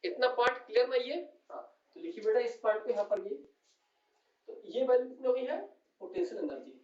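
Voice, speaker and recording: A man with a very high, animated voice explains physics on a whiteboard fairly quickly. He often says "beta" to his students and poses questions he then answers. The recording comes across as distant, roomy and dull.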